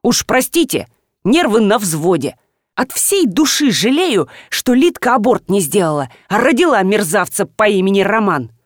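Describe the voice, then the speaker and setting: A woman's voice: medium pitch, sing-song, normal speed, dry recording, studio quality. Woman voicing a furious bossy father. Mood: irate. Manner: shouting, barking orders. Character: furious wealthy middle-aged male father, bossy. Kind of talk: audiobook character voice.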